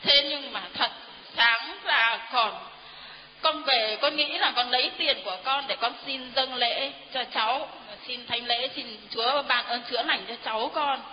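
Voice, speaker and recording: A woman's voice: high-pitched, unhurried, slight background noise. A middle-aged woman giving an earnest, deferential testimony to a priest in a church hall. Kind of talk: heartfelt spoken testimony. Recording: dull reverberant hall recording.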